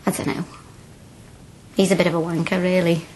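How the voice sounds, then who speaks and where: An actress playing a witty, working-class young student in a radio drama, with a Liverpool accent and a cheeky, direct manner. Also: female voice, on the low side, little pitch movement, darkish tone, a little hiss or hum, close to an everyday voice, poor audio. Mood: wry. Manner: cheeky, direct, quick retorts.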